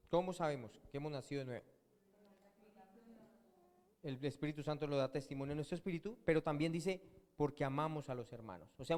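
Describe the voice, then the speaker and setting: A man preaching a sermon as pastor, often asking his congregation questions and answering them himself. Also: a little high. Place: church hall. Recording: long church-hall reverb.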